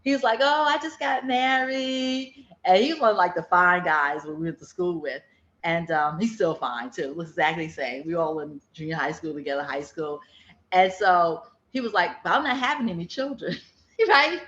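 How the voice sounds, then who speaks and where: A woman's voice: on the low side, normal speed, fairly bright tone. A woman in her fifties chatting casually, telling stories and acting out what people said. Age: 50s. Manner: chatty storytelling, acts out quotes. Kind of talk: casual chat. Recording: dull echoey room sound.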